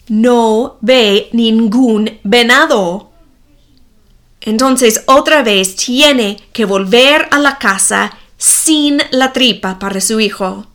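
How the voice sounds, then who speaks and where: A woman narrating a story slowly, with deliberate, clearly enunciated delivery. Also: fairly high pitch, fairly bright tone.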